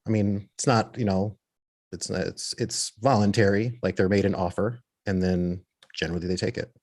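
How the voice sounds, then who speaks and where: A man playing a tabletop roleplaying game, improvising in a hesitant, halting and wordy way. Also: low voice, fairly even intonation, darkish tone.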